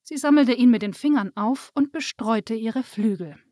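A woman reading a children's Christmas story aloud in a calm, clear storytelling manner. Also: fairly high pitch, normal speed, dry recording, studio quality.

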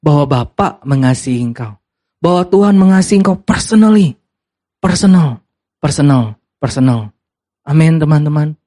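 A man preaching a sermon to a congregation in a relaxed, conversational way, asking the audience questions and slipping into English phrases. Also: fairly quick. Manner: rises sharply in pitch for emphasis. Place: church hall before a live congregation.

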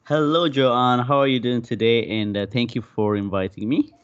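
Halting young man from Ethiopia, lo-fi. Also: medium pitch, steady tone, clean tone. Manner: halting, many fillers and restarts. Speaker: podcast guest, founder. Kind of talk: casual interview.

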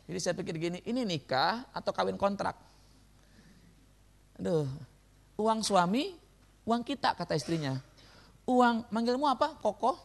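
A man preaching a sermon as pastor, lively and joking with his congregation in a church. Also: high voice, normal speed, gravelly, pauses often.

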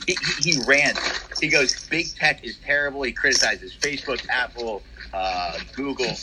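A young man co-hosting a casual podcast, opinionated and quick to agree, with plenty of fillers. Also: mid-range voice, noisy background. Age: young adult. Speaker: podcast co-host. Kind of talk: casual chat.

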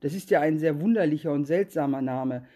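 A woman's voice: sits low, a little fast, dark tone. A woman voicing a trusting, good-natured little female mouse, eager and wondering.

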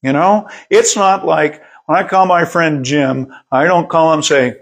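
A slow, unhurried male pastor with a gravelly, husky voice, preaching in a relaxed conversational way. He is middle-aged, repeats words now and then, and reads scripture aloud between his own comments. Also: fairly high pitch. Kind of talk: sermon.

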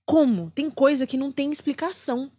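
A woman comedian talks in a rapid, chatty stream and drops swear words freely. Her voice sits fairly high, and the recording is dry and close, with no room sound. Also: dark tone, no room sound. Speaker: guest comedian. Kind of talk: casual podcast chat.

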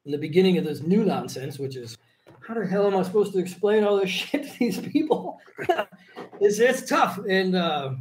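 A man's voice: high-pitched, expressive, normal speed, darkish tone, slight background noise. A man talking as a podcast guest in a rambling, profane way, often laughing mid-sentence. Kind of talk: casual conversation.

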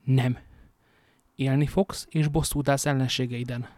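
A man's voice: mid-range voice, steady tone, a little mellow, no echo, close to an everyday voice. A man doing a fervent young officer.

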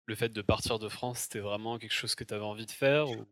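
A man's voice: fairly low pitch, fairly even intonation, quick pace, a bit bright. A man casually interviewing someone, speaking informally with tentative phrasing. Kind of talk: casual conversation.

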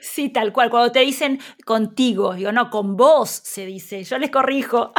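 A woman's voice: a little high, a little slow. A woman with an Argentine accent hosting a podcast, chiming in with friendly agreeing remarks. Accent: Argentine Spanish. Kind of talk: casual podcast interview.

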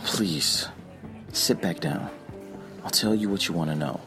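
A man's voice: sits low, measured pace, music in the background. An actor playing an evasive man who reassures hesitantly in an audio drama. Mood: evasive, placating. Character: evasive, placating man hiding local history.

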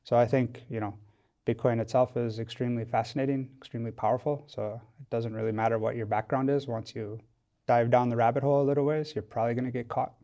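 In casual interview talk, a tech company founder from Wisconsin, USA, guests on a studio podcast and explains things thoughtfully, if hesitantly. He speaks quickly in a dark-toned, mid-range voice with fairly even intonation, and the sound is lo-fi.

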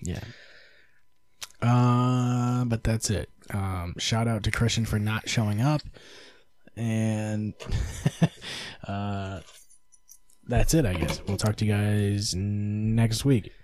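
A man's voice: on the low side, steady tone, takes it slowly, long pauses, a little mellow, slight background noise. A young adult man co-hosting a podcast in casual chat, laughing often and swearing freely. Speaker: podcast co-host.

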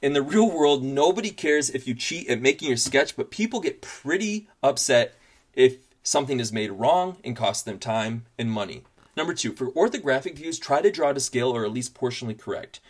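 A man's voice: mid-range voice, lively intonation, brisk, slightly rough. Upbeat man giving tidy advice. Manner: informal, plain-spoken. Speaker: design tutorial host. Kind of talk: scripted advice vlog narration with numbered tips.

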